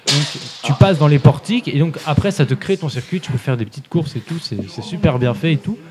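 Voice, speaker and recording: A man's voice: a little high, a little fast, darkish tone. A man presenting a gaming segment on the radio in a casual, chatty way, with frequent laughs and fillers.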